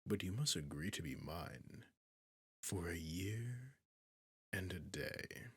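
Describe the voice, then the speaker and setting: In a scripted fantasy audio roleplay addressed to the listener, a man plays an imperious, possessive dragon king, a menacing yet courtly suitor. His low, expressive voice is a husky, gravelly, breathy growl that sinks into whispers, delivered slowly, formally and commandingly with deliberate pauses. The studio-quality recording has no echo, and the character voice is fully committed, with a possessive, courtly mood.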